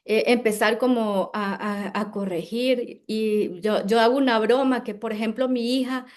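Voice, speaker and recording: Higher-voiced female diction instructor; emphatic, careful teaching delivery. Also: fairly even intonation, a little mellow. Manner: emphatic, demonstrates words slowly and carefully. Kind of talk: teaching a workshop on pronunciation.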